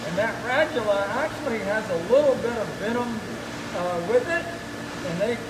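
A man's voice: high voice, animated, normal speed. A middle-aged man giving a casual, folksy educational talk, his voice muffled as he talks through a face mask. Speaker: aquarium animal keeper and guide. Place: noisy indoor aquarium work room. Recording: noisy pump-filled room with loud hum.

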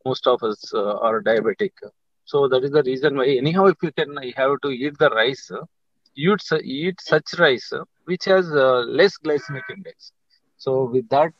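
Halting Indian man on a dull, dry video call. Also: medium pitch, no echo. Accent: Indian English. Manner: halting, many fillers and restarts. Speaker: panelist. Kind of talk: panel discussion remarks on a video call.

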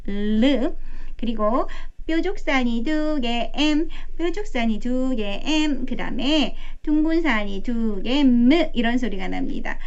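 A middle-aged woman leads a phonics lesson, repeating each letter sound patiently. Her voice sits a little high, and the recording is dull and lo-fi. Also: darkish tone, clean tone. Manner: demonstrates letter sounds slowly, repeating them. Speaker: English teacher.

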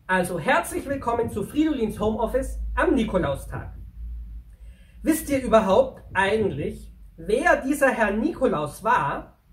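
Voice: mid-range voice, far from the mic. A performer voicing a friendly male pack donkey who chattily tells a story to children and speaks to them directly. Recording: roomy, from away from the mic.

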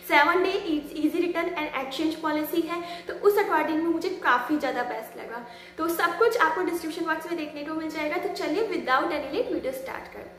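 A woman's voice: very high voice, fairly bright tone, echoey room, a little hiss or hum. A young woman in her twenties giving a chatty fashion review, casually mixing English words into her Hindi, filmed indoors at medium distance. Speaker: fashion vlogger reviewing sarees. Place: small indoor room.

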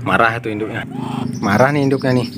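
A man casually narrating for viewers as he checks a bird's nest, speaking low-key and calling the audience "bos" and "guys". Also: fairly quick, heavy background noise. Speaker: bird-keeping vlogger.

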